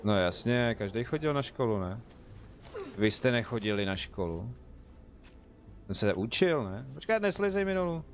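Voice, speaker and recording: A man's voice: on the low side, long pauses. A young man with a Czech accent, chatting casually as he streams a game and jokes with his viewers. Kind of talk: casual live gameplay commentary.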